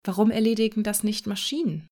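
Ein neugieriger, ungeduldiger junger Bursche, gesprochen von einer Frau, etwas höher und lebhafter als die Erzählstimme. Er fragt schnell drauflos und reagiert spontan. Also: female voice, mid-range voice, brisk, a little mellow, close to an everyday voice. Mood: curious. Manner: curious, impulsive. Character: eager, hungry young working lad.

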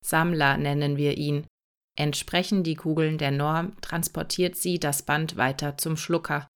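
Ein geduldiger, watschelnder Fabrikroboter, den eine Frau spricht, mit tiefer gesetzter, ruhiger Stimme. Er erklärt sachlich und belehrend. Die Stimme klingt etwas gedämpft und gleichmäßig. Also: female voice, sits low, fairly even intonation, unhurried, clean tone, voice pushed down. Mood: instructive. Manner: patient, instructive. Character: calm waddling male factory robot.

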